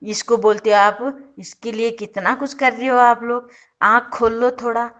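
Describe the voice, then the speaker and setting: A woman's voice: fairly high pitch, little pitch movement, normal speed, fairly bright tone, muffled recording. A woman giving opinionated casual commentary as a video commentator, sarcastic and indignant, often breaking off and correcting herself. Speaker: YouTube show commentator.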